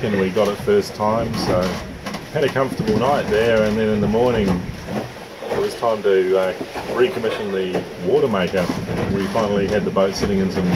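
A middle-aged man hosting a sailing vlog, talking in a relaxed, matter-of-fact way with sailing terms, filmed in a boat's open cockpit at sea. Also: lowish voice. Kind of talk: casual vlog narration. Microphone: handheld camera mic, wind on it. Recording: windy outdoor camera audio. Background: wind and water noise.

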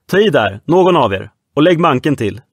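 A man's voice: mid-range voice, no room sound, studio quality, lightly acted. A man voicing a wounded sloop captain barking orders at his crew in an audiobook. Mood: urgent commanding. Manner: commanding, shouted orders.

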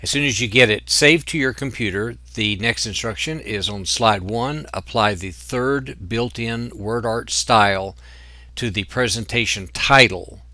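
A man teaching software in a screen-recorded tutorial, explaining each step patiently. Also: lowish voice, unhurried, no echo. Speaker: software instructor.

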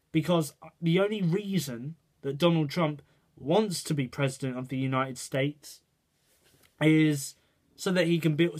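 A man ranting his opinions to camera in a rambling way, checking in with "right" and "okay". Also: fairly high pitch. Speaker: vlogger. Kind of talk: casual opinion rant to camera.

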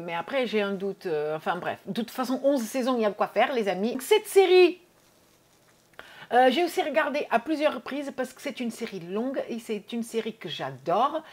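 A woman's voice: a little high, animated, moderate pace. A woman vlogging casually about her favourite series, chatty, with many hesitations and repeated words. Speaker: YouTube vlogger. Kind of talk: casual series review vlog.

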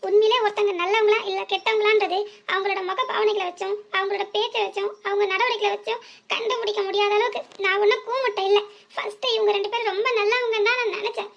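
Voice actor doing a squeaky, pleading young cartoon woman. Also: level tone, fast, fairly bright tone. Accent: southern Tamil. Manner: pleading, earnest. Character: frightened young village woman. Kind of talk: cartoon voice acting.

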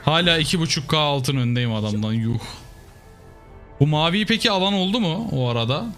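A man's voice: fairly high pitch, a little fast, faint music behind. A young man giving casual live commentary over his own gameplay, muttering to himself one moment and yelping the next. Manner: excitable, swings between mutters and yelps. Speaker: gaming YouTuber.

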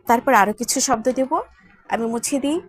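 A woman's voice: fairly high pitch, normal speed, a little hiss or hum. A woman with a Bengali accent teaching a Sanskrit lesson at a board, spelling words out letter by letter and asking her students checking questions. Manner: asks the class checking questions. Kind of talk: classroom lesson at a whiteboard.

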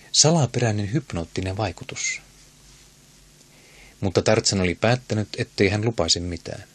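A man narrating an audiobook in a steady, measured manner. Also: on the low side. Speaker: audiobook reader. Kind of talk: scripted narration.

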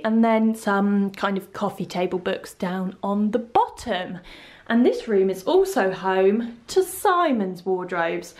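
A young woman chatting her way through a home tour, playful and lively, her voice jumping up in pitch now and then. She holds the camera herself as she walks through small, bright rooms. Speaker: lifestyle vlogger giving a home tour. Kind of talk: casual home tour vlog. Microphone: handheld camera filming herself as she walks.

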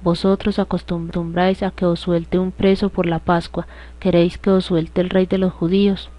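A woman reading the lines of a male Roman governor questioning a prisoner, in a calm, measured way. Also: on the low side, lightly acted. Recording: dull lo-fi dry recording.

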